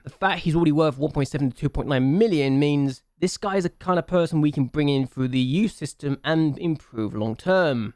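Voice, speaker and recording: A man's voice: on the high side, dry recording, studio quality. A man hosting a game channel, chatting casually through his gameplay, thinking aloud and repeating himself for emphasis.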